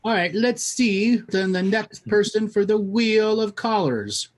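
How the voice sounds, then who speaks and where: A man's voice: high-pitched, lively intonation, a little slow. Blunt, coaching man host. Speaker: host giving spiritual readings. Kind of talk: call-in show chat.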